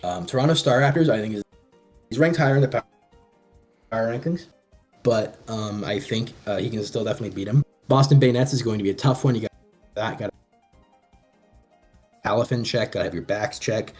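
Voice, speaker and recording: A man's voice: medium pitch, a little fast, pauses often, a little mellow, faint music behind. A man co-hosting a casual commentary show, rambling with frequent restarts. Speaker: co-host.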